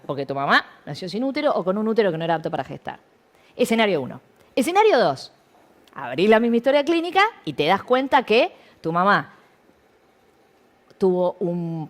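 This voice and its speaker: Animated Rioplatense woman, lively pitch. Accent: Rioplatense Spanish. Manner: animated, storytelling with questions. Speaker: guest. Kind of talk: studio interview conversation. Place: TV studio.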